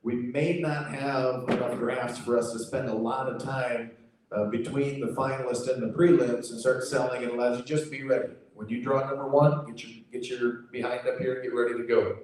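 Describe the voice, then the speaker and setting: A man's voice: mid-range voice, level tone, moderate pace, a little mellow. An American man giving an informal spoken briefing as an event organizer, in a folksy, reassuring and repetitive manner. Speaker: auctioneer contest organizer. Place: livestock sale arena. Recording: very echoey hall, distant PA sound.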